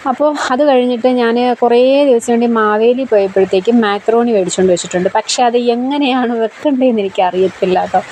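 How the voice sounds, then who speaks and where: In a casual voice-over for her cooking vlog, a young Keralan woman chats about her day in her home kitchen, storytelling warmly and often adding tag questions. Her fairly high, darkish voice is hoarse from a blocked throat and fairly quick with few pauses; the poor audio has slight noise and rain behind it.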